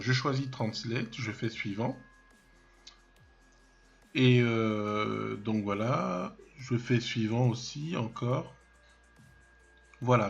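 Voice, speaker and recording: Man giving a halting software tutorial. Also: mid-range voice, dull audio. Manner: hesitant, many fillers and restarts, thinks aloud while clicking; self-mocking asides. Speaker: web development trainer. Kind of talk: screen-recorded software tutorial.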